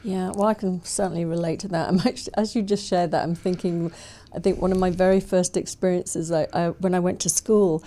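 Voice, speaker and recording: Older woman, podcast host; low, mellow, chatty and laughing. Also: fairly even intonation, a little fast, few pauses. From North Wales. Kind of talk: casual interview.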